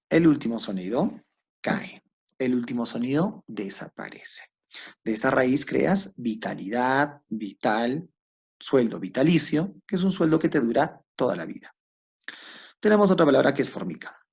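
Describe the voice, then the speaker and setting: A man teaches a class in a lively voice that rises and falls a lot. His tone is a bit raspy, and he often asks a question aloud before answering it himself. The recording sounds dull and lo-fi. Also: medium pitch. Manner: asks himself questions and answers them, addresses students directly. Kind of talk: classroom lecture.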